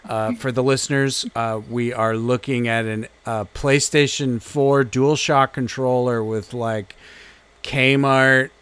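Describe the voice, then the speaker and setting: A man co-hosting a podcast, talking slowly and easily at a middling pitch. He speaks in a laid-back, halting way, full of "uh" and "like", in casual comedic chat. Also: fairly even intonation, a bit bright, clear, resonant tone. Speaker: podcast co-host.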